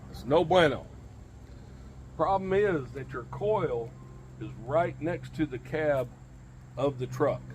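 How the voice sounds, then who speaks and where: A man in his forties, host of CB radio tips videos, gives an informal, plain-spoken demonstration outdoors in a home driveway beside a pickup truck, repeating key points for emphasis. His voice is a little high and a little mellow, with a bit of hiss or hum.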